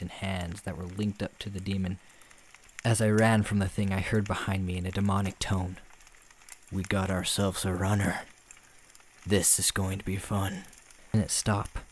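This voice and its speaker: Man, horror story narration, very deep voice, flat monotone delivery, faint background noise.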